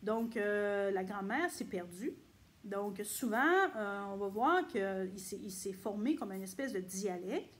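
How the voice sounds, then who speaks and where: A woman from Quebec with a Québécois French accent, explaining casually to camera in a chatty way with frequent pauses. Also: mid-range voice. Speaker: vlogger.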